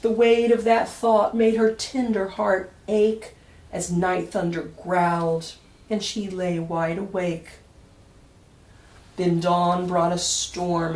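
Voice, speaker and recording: Recorded from a distance in an echoey room, a woman who wrote the picture book reads its rhyming verse aloud slowly for storytime. Her lowish, slightly mellow voice lands dramatic emphasis with deliberate pauses.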